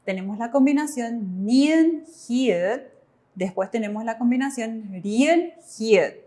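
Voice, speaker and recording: A woman's voice: on the high side, expressive, slow pace, dark tone. A woman teaching Korean, posing questions to the class and answering them herself. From Paraguay. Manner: clear, asks and answers her own questions. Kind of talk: classroom explanation.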